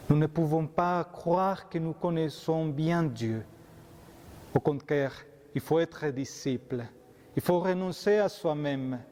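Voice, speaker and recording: Slow Colombian-accented priest, echoing. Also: male voice, a little high, warm tone. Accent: Colombian Spanish. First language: Spanish. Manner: slow, earnest, with restarts and repeated words. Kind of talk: Sunday gospel homily.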